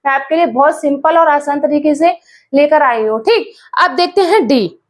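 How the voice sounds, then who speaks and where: A woman's voice: high-pitched, normal speed. A woman who teaches English pronunciation, speaking patiently, repeating words and spelling them out letter by letter. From India.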